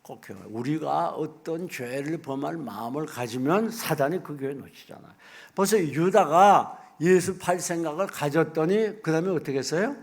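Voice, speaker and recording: A middle-aged man preaching a sermon as pastor, folksy and animated, acting out little asides. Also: a little high, normal speed.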